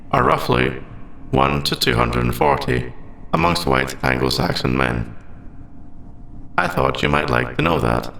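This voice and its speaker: A man acts a very gravelly, creaky sentient AI in a sci-fi roleplay audio drama, speaking in stilted, formal phrases with a lively, swooping pitch and an exaggerated delivery. The character is polite and literal while hiding forbidden feelings. The voice sits in a roomy echo with slight background noise.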